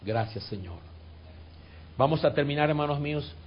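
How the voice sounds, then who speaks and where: A pastor leading his congregation in a sermon and guided prayer. He repeats scripture lines, swells to fervent peaks and sinks to soft, coaxing tones. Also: on the high side, animated, moderate pace, lo-fi sound, slight background noise. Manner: repeats phrases and drills scripture.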